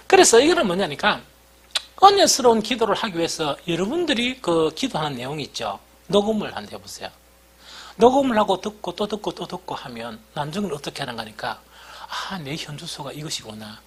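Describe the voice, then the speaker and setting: A man's voice: sits high, a bit bright, slightly rough. A middle-aged male pastor with a Gyeongsang dialect accent, preaching a sermon with folksy, self-deprecating stories.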